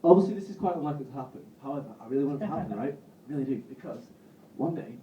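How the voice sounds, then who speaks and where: A man in his twenties from Bolton with a Northern English accent, doing a live stand-up set in a self-deprecating, halting way with frequent swearing. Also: mid-range voice, expressive, mellow. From Bolton, England. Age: 20s. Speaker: stand-up comedian. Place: comedy club stage. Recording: roomy, distant, muffled live recording.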